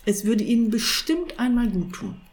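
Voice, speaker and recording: A little tomcat, eager and fawning, coaxes his master in a bright, slightly raised voice, as a woman puts him on. He is polite and wheedling, a storybook pet full of earnest devotion. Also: fairly high pitch, very animated, normal speed, pitched above the performer's own voice. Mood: coaxing. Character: small eager flattering male tomcat.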